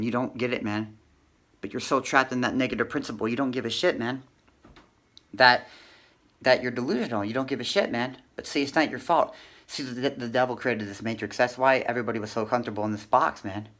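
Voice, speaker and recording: A man's voice: medium pitch, pushed and bright. A young man ranting to camera in a heated, repetitive way, swearing and tacking "man" onto his lines. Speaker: vlogger. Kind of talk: agitated rant to camera.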